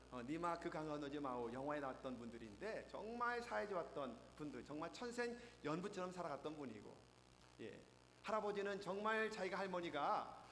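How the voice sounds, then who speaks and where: A man preaching a sermon as pastor, telling jokes with lively storytelling and acting them out. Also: sits high. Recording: echoey hall, faint noise.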